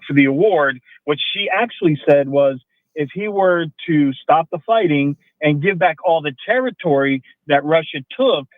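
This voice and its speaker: A man's voice: a little high, lively intonation, moderate pace, dry recording. Male caller on a tinny phone line. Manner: pointed, challenging questions.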